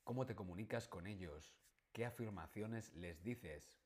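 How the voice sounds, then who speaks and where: A man, teaching a live online language lesson and slowly repeating phrases for learners. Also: fairly low pitch, breathy edge. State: sore throat, coughing.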